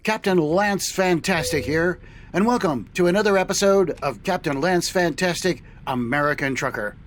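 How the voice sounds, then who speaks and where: A man's voice: sits high, moderate pace, lightly acted. A man playing a cheery trucker captain, a sci-fi hero, in a hearty retro radio-show style. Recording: clear vehicle noise behind voice.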